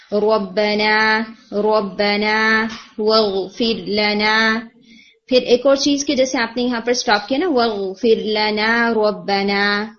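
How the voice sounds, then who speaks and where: A woman giving patient, detailed recitation feedback to a student, mixing in English terms. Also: on the high side. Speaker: Quran recitation teacher. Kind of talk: one-on-one tajweed feedback. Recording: lo-fi muffled audio.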